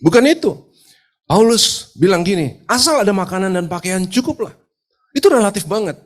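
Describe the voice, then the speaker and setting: A man's voice: sits high, very animated, normal speed. A man preaching a sermon at a live church service, his voice nasal from a cold, with an emphatic delivery. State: stuffy nose from a cold. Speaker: pastor.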